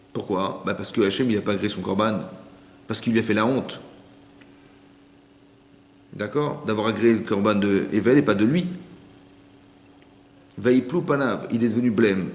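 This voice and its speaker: Man, rabbi, scripture lecture, rhetorical questions to the audience, roomy long-reverb hall recording. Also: mid-range voice. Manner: translates verses line by line, asks the audience rhetorical questions. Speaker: rabbi teaching a Torah class. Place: community centre hall.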